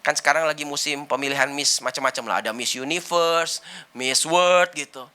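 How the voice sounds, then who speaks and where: A woman's voice: low-pitched, fairly even intonation, moderate pace, pushed and bright, smooth. A woman preaching a sermon and telling a personal testimony, acting out the people in her story. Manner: addresses listeners as brothers and sisters.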